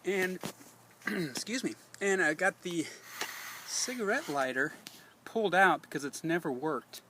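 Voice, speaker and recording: In a noisy handheld recording from inside a parked Jeep, a middle-aged DIY demonstrator talks through a casual hands-on job, thinking aloud in a folksy style. His voice sits high and sounds expressive, pushed and bright, with a somewhat slow delivery.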